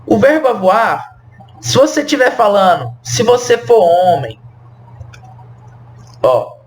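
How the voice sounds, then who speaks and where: A young man teaching French to Portuguese speakers, talking slowly and repeating each phrase, often checking in with the viewer. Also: sits high, sing-song, slight background noise. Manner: slow, repeats phrases, asks the viewer questions. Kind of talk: explaining a language lesson.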